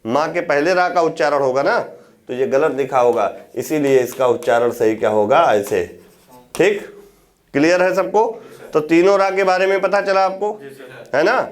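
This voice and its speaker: A man with a fairly high voice teaches a grammar class. He poses questions to his students and answers them himself. He drags out example words to show how they sound. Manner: demonstrates sounds by repeating words slowly. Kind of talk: classroom lecture on Hindi grammar.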